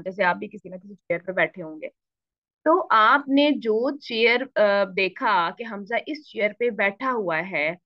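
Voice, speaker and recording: A woman teaching Quran recitation rules to beginners. She asks questions and answers them herself, mixes in English words, and stretches syllables out slowly when she shows a reading. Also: mid-range voice, dry recording, lo-fi sound. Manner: slow, drawn-out syllables when showing a reading. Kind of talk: explaining rules to beginner students.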